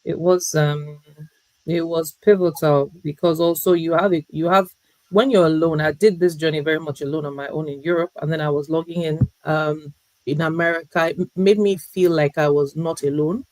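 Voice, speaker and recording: A woman guest in an interview, talking in a reflective, measured way with frequent pauses. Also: sits low, steady tone, a little mellow, no room sound, poor audio. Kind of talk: interview conversation.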